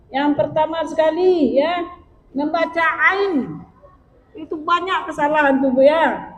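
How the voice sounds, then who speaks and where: A woman's voice: sits high, unhurried, echoey room, in a large hall, a little hiss or hum, low-quality recording. A woman teaching Quran recitation rules, chanting verses and patiently correcting common reading mistakes. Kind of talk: tajwid lesson with sung recitation.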